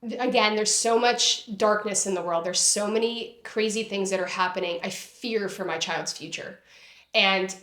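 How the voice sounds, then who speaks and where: Recorded with a roomy echo, a woman in her thirties speaks openly and sincerely as an interview guest in a candid personal conversation. She uses frequent "like" fillers and occasionally swears, her mid-range, slightly bright voice moving at a normal speed.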